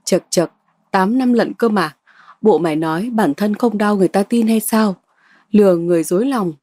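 A woman's voice: mid-range voice, moderate pace, mellow, no echo, studio quality, natural voice. A woman putting on a haughty spoiled young woman. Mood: sneering. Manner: sneering, taunting.

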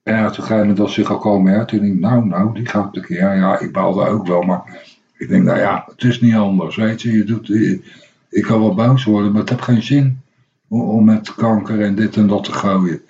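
A middle-aged man chats casually as a radio host, drifting through a story with frequent hesitations. His voice sits a little low. The recording sounds dull and lo-fi with faint background noise. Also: steady tone, normal speed, darkish tone. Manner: rambling storyteller, many hesitations and restarts. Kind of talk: casual anecdotal radio chat.

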